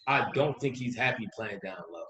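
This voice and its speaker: A man co-hosting a casual sports podcast, animated and quick to laugh, getting heated when he argues a point. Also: medium pitch, roomy sound, rough recording. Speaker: podcast co-host.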